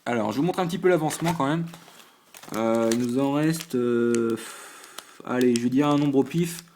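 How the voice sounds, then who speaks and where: Here the host speaks at a normal speed in a medium-pitched, slightly mellow voice, with a little background noise behind him. Opening trading card packs at a lamp-lit desk at home, he talks casually to camera, naming items in turn with brief reactions and frequently tripping over his words and starting again with fillers.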